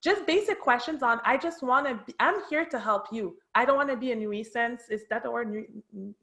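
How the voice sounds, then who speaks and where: Higher-voiced woman with a French Canadian accent. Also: fairly quick, a bit bright. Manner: chatty, often checks in with "right?". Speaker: real estate agent, interview guest. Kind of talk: conversational interview, explaining her process.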